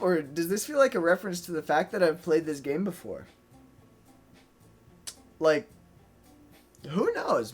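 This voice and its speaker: A woman's voice: lowish voice, breathy edge. Playful woman streamer reading a visual novel. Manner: playful, wry asides.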